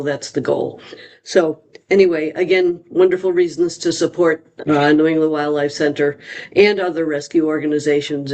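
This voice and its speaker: A man's voice: fairly high pitch, creaky. A man hosting a virtual open mic, talking casually with many fillers over a video call. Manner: relaxed, rambling with many fillers. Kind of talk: casual live-stream hosting.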